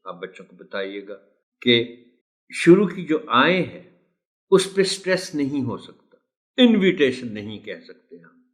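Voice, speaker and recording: A man teaching English word pronunciation to teachers, saying each word slowly and repeating it. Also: fairly low pitch. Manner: slow, deliberate model pronunciations of English words. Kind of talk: pronunciation lesson.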